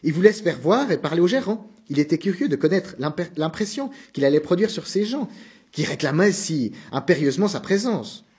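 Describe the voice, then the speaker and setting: Male audiobook narrator, husky tone, lively pitch. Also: a little fast. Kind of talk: audiobook reading of a novel.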